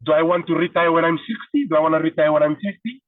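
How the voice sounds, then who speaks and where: A man's voice: fairly high pitch, fast talker, dry recording, narrow, tinny audio. Fijian man, 30s, podcast guest; earnest, code-switching, distant dry sound. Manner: earnest, switching between languages. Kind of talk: casual chat.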